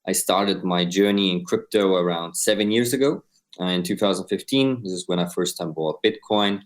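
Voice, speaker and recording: A deep-voiced Austrian man in his twenties, co-founder of a crypto company, answers interview questions by explaining things step by step at a normal speed, often tacking on "right?".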